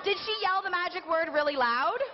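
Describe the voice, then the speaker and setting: At a live children's show mixing science and magic, a woman with a very high, expressive voice talks a little fast, playfully coaxing the audience to take part like a party magician. A noisy crowd and background noise fill the muffled recording.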